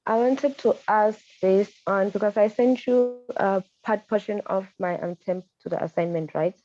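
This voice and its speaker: An accounting student, a woman with a mellow, medium-pitched voice at normal speed, tentatively puts questions to her tutor. She keeps checking she's understood, tagging "right?" onto her sentences, and the online-call audio sounds dull and roomy.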